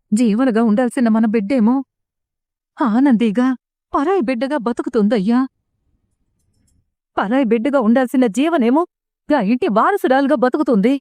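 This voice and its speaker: A woman's voice: on the high side, warm tone, no room sound, lightly acted. A woman voicing a worried village mother with a Telangana accent, pleading and urgent in a serial recap. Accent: Telangana Telugu.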